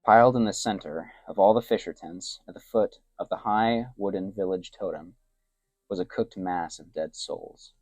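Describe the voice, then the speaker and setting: Man, very deep voice, hushed story narration, dry close sound. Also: moderate pace, breathy edge, dry recording. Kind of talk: soft-spoken story narration.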